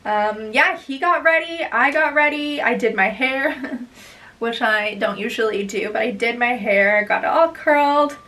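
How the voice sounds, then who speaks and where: Bright, bubbly young woman telling a story. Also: a little high, measured pace, far from the mic, poor audio. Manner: bubbly and gushing, chatty rambling. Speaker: vlogger. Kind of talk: casual storytelling chat.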